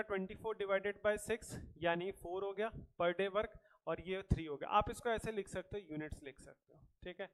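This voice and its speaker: A man with a fairly high voice teaches a math lesson for exam preparation. He walks through each problem step by step and keeps checking that his students are following. He mixes English math terms into his Hindi. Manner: explains step by step, often checks in with "thik hai" and "bachchon". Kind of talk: exam-prep math lecture.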